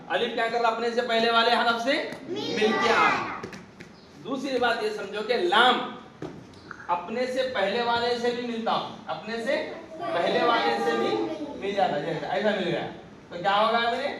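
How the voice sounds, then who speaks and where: Male religious teacher, high voice, call-and-response drilling, echoey room and distant mic with background noise. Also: moderate pace, over a noisy crowd. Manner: asks questions and repeats the answers. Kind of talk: classroom lesson on Arabic letters.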